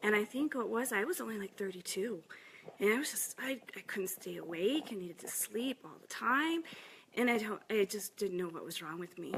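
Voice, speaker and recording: A woman in her forties tells her own story candidly and with emotion, often dropping to a breathy near-whisper. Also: mid-range voice, expressive, moderate pace, a bit bright, a little hiss or hum, poor audio. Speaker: mother sharing her health story. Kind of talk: personal testimony.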